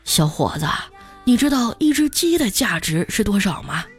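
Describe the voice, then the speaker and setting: A woman voicing a scheming old woman who lectures slowly while demanding money. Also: medium pitch, very animated, faint music behind, lightly acted. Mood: haggling. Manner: slow, drawn-out lecturing.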